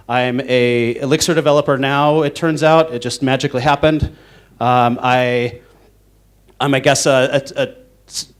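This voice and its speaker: A man's voice: medium pitch, clear, resonant tone. A young man from the northwestern United States giving a casual conference talk on stage, rambling with lots of fillers and restarts. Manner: rambling, filler-heavy, self-interrupting. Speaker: conference speaker.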